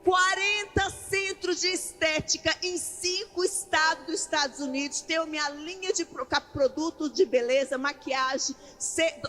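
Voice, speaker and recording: A woman's voice: sits high, sharp tone. A woman preaching a sermon in a church, building to fervent proclamation. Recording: reverberant church hall with music.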